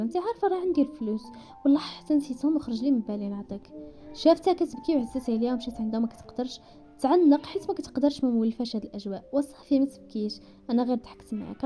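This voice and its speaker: A woman with a Moroccan Darija accent narrating a romance story at speed, voicing the characters' dialogue as she goes. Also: on the high side. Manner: rapid, animated reading that slips into characters' voices.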